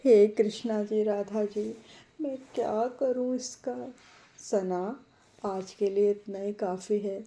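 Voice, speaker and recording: A woman's voice: medium pitch, steady tone, slow, warm tone. A woman voicing a young woman student pleading with her friend in a spoken story, with an exasperated, pleading manner.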